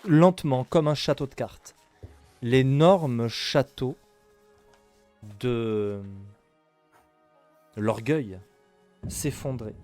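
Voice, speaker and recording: A man narrating a tabletop role-playing game as game master, improvising dramatically with suspenseful pauses. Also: medium pitch, darkish tone.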